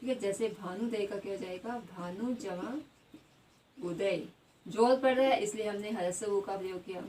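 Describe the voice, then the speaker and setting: A woman teacher giving a grammar lesson. She puts questions to the class, answers them herself and repeats each word slowly. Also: medium pitch, a little mellow. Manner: adds a tag question after most points. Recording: slightly distant mic with faint background noise.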